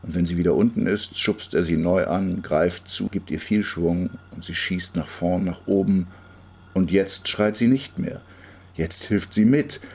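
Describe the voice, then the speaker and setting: A man reading literary fiction aloud in a calm, measured, rhythmic way. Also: sits low, gravelly, husky. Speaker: reader.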